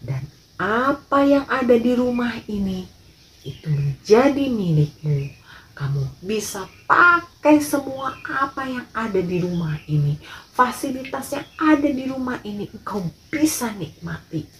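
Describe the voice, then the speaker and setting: A woman voicing a kind, wealthy father who adopts a poor street boy, speaking warmly but firmly in a children's church story. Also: fairly high pitch, sing-song, a little slow, slight background noise, voice pushed up, full character voice. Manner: warm, firm, fatherly.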